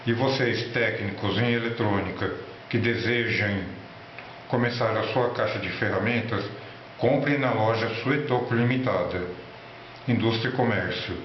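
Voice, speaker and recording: Brazilian guy doing a halting hobby tutorial, roomy echo, kinda dull lo-fi sound. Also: on the low side. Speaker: electronics hobby presenter. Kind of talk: informal tutorial narration and product showcase. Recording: roomy, echoey, dull lo-fi with faint noise.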